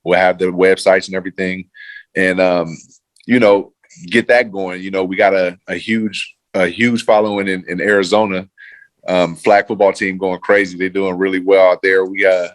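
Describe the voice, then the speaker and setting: In this casual interview conversation, a man who used to play football talks about his career loosely, with slang and fillers that make him trail off. He speaks at normal speed in a low voice with little pitch movement, and there's no echo.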